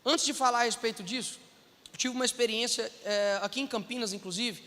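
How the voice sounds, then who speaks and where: A Brazilian man delivers a sermon in a very high, bright and cutting voice. He speaks with animation and puts on the voices of the people he quotes. The sound carries a long reverb, like an echoing church hall. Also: fairly quick. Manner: animated, acts out quoted voices, addresses listeners as brothers. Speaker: preacher.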